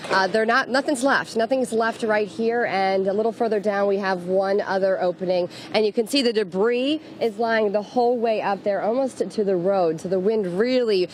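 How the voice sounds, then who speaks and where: A woman field reporter giving live, descriptive on-location news coverage with an urgent delivery. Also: medium pitch. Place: outdoors at beach, streets and waterfront in storm. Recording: outdoor location noise with traffic.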